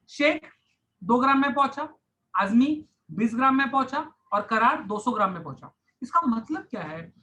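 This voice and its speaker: A man's very high-pitched, bright and forceful voice leads an online science class, laying out each step and repeating key phrases. He mixes English terms into his Hindi, though the audio quality is poor.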